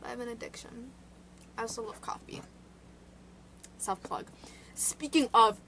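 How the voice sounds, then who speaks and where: A woman's voice: fairly high pitch, fairly bright tone, slight background noise, rough recording. A woman vlogger casually retelling true crime cases in a rambling way, full of "like" fillers and side chatter, recorded indoors. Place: indoor room.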